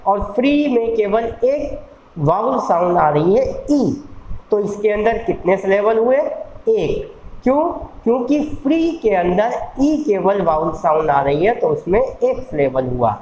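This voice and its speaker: A teacher explains syllables at an unhurried, careful pace, drawing out each vowel sound and checking understanding with questions. The voice sits in the middle range and carries a roomy echo. A faint hiss runs under it. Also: mid-range voice, darkish tone. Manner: slow, deliberate, repeats sounds aloud and asks rhetorical questions. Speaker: law college English teacher. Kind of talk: bilingual classroom lecture.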